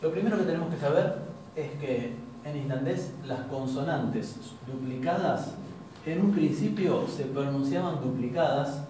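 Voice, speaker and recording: A man with an Argentine Spanish accent teaching an informal language class, explaining patiently and repeating example words slowly. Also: mid-range voice, warm tone. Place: university classroom. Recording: very echoey classroom, far from mic, faint noise.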